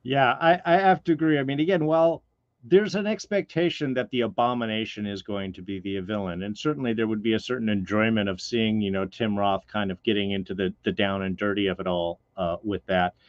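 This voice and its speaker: A man's voice: on the low side, a little fast, no room sound, dull audio. A man hosting a casual review podcast, rambling and hedging with lots of fillers. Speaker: podcast host.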